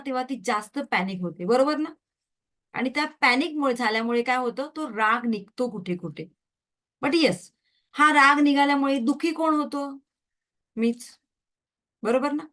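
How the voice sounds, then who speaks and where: A middle-aged woman leads an online Reiki training class in a fairly high voice. She talks straight to her listeners and keeps checking in with quick rhetorical questions. She slips English words and phrases into her talk. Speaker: Reiki teacher.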